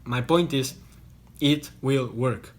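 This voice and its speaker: A man's voice: medium pitch, slow. Chatty young man from Costa Rica. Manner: chatty, repeats and restarts words. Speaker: online business vlogger. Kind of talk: casual explainer to camera. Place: hotel room.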